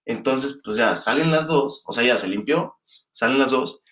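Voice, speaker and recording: A man's voice: mid-range voice, a bit bright, echoey room, far from the mic. A young man with a Mexican Spanish accent, co-hosting a podcast with slangy, laughing chat. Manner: laughing, slangy, quick reactions. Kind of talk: casual storytelling chat.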